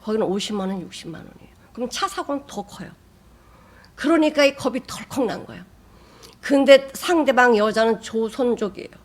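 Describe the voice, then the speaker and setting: A woman's voice: lively intonation, a little fast. Emphatic woman pastor preaching. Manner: emphatic, with sudden rises in pitch and loudness; drops to soft, near-whispered asides. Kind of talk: sermon.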